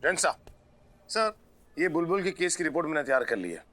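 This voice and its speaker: Excitable high-voiced policeman. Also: a little fast, a little hiss or hum. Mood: pushy. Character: sarcastic, excitable male police officer, eager and goofy. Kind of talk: comic TV sitcom acting. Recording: music behind the dialogue.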